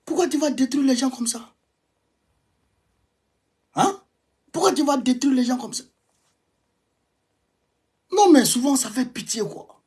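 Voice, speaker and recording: A man with an Ivorian French accent delivering an impassioned monologue, repeating himself emphatically and swinging between raised outbursts and low muttering. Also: lively intonation, measured pace, long pauses, darkish tone, slightly rough. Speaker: political commentator.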